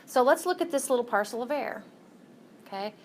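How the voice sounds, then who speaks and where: A woman's voice: high-pitched, animated, fairly quick, slight background noise. Woman lecturing a classroom. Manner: explains step by step, checks in with "okay?". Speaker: college lecturer.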